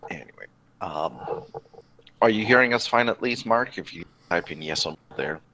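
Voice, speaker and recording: A man running a tabletop role-playing game over voice chat, narrating slowly with many fillers and restarts. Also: sits low, lively intonation, pushed and bright, slight background noise, low-quality recording. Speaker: game master.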